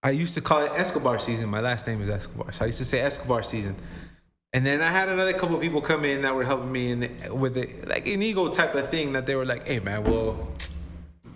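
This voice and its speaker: A man's voice: medium pitch, expressive, fast talker, fairly bright tone. A middle-aged man chatting casually, with profane slang and phrases repeated for emphasis. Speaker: DJ and former podcaster. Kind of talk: casual chat. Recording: echoey reverberant room with background noise.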